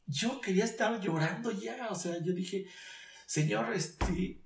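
A guest gives an emotional faith testimony in a high, creaky voice, speaking slowly, with a crowd audible behind him. Earnest and searching, he often restarts his sentences, and the mic is distant in an echoey room.

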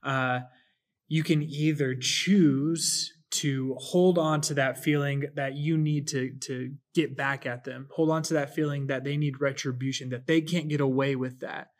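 Man, mid pitch, thoughtful, explanatory, casual faith discussion. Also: fairly even intonation, measured pace.

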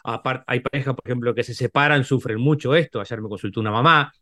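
Uruguayan guy, middle aged, psychologist talking it through, keeps saying "no?", mid pitch. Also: quick pace, bright, forceful tone. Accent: Rioplatense Spanish, Uruguayan. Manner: explanatory, many tag questions and restarts. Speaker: psychologist guest. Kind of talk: casual podcast conversation.

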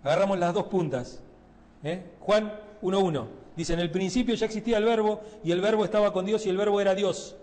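A man's voice: high-pitched, brisk, a little mellow, big-room sound. A man preaching a sermon in a conversational way, often tagging his points with a questioning "eh?".

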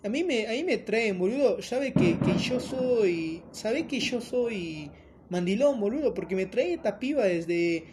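Fed-up young Argentine grumbler, put on by a man, pitched up and whining. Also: animated, measured pace, noisy background. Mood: griping. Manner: whiny, complaining, swears constantly.

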